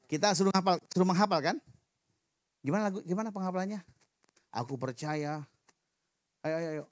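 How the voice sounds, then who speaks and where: A man preaching a sermon in a church, lively and joking with the congregation. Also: sits high, a little fast, no room sound, studio quality. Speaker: pastor. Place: church hall.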